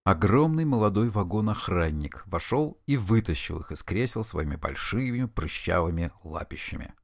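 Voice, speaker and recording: A man narrating an audiobook with expressive, animated storytelling. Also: sits low, moderate pace, dry recording, studio quality. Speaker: audiobook reader. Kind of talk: scripted narration.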